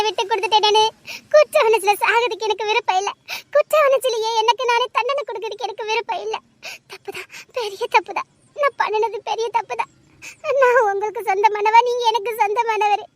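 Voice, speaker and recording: A woman's voice: extremely high pitch, fairly even intonation, fast talker, no room sound. A woman voicing a desperate young woman who tearfully and insistently begs her lover to marry her, in an audio drama. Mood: tearful pleading. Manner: pleading, tearful, insistent repetition.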